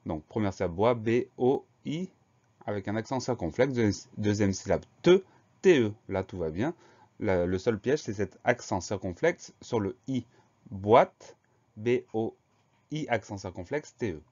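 A man's voice: fairly low pitch, animated, measured pace, a little mellow, lo-fi sound. A man teaching a spelling lesson, patiently spelling out each word letter by letter.

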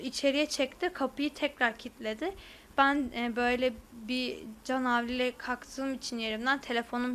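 A woman's voice: sits high, fairly bright tone. A young woman, a university student, giving testimony to a news camera with hesitant filler sounds. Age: young adult.

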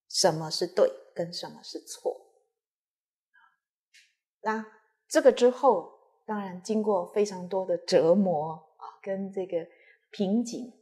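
A Buddhist nun, giving a dharma talk and telling a personal story with vivid, emotional repetition. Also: female voice, medium pitch, a little mellow.

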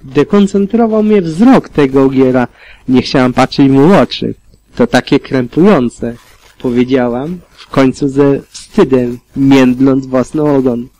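A man reading a fan fiction audiobook aloud in a calm, steady manner with occasional slips. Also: mid-range voice, a little slow, rough recording. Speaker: audiobook reader.

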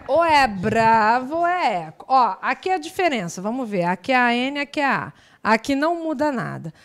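A woman teaching English in a live online exam-prep class, explaining in a chatty way with lively asides. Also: fairly high pitch, normal speed. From Brazil.

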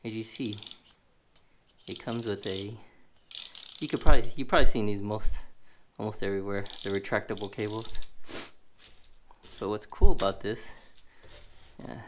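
Amid background noise, a man with a fairly low, fairly even voice talks at a moderate pace with long pauses. He's a stuffy, sniffly tech reviewer unboxing a gadget at an indoor table, rambling with many fillers and thinking aloud while handling the box.

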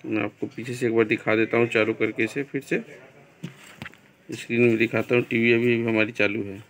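A man with a Bihari Hindi accent talks viewers through a TV repair at his workbench. His voice is gravelly and stays flat. The sound comes from a phone recording with faint background noise. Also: mid-range voice, brisk. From India. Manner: plain, step-by-step explaining, addresses viewers as friends. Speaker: TV repair technician. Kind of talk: repair tutorial narration.

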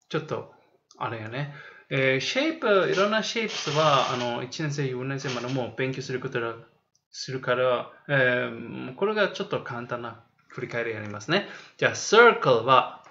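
A man teaching a review lesson to children in Japanese, saying words slowly and repeating them. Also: mid-range voice, sharp tone. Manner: explains slowly in Japanese, then says and repeats English words. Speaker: English teacher. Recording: dull lo-fi recording.

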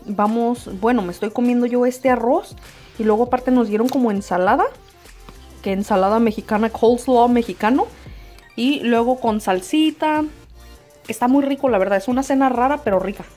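A woman's voice: on the high side, normal speed, a little mellow, soft background music. A young woman chatting casually in a vlog, mixing in English words now and then, filmed on a handheld phone. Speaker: vlogger. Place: Tucson, Arizona.

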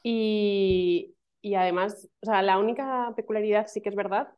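A woman's voice: medium pitch, normal speed, smooth. Chatty woman from Spain on a video call. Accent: Castilian Spanish. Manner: chatty, animated, lots of fillers and laughs. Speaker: guest, email marketing specialist. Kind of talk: casual video call interview. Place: small room at home. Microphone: laptop microphone on video call. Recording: dull lo-fi video call audio.

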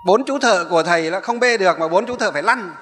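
A man's voice: high voice, lively intonation, quick pace, fairly bright tone, slight background noise. A man, a Buddhist monk, telling a story in a sermon, rambling and often repeating or correcting himself. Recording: echoey hall.

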